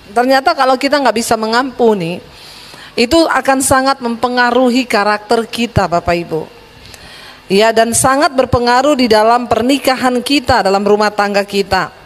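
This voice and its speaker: Woman pastor, middle-aged, high voice, humorous lively sermon, reverberant hall. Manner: lively, humorous preaching with sudden animated rises.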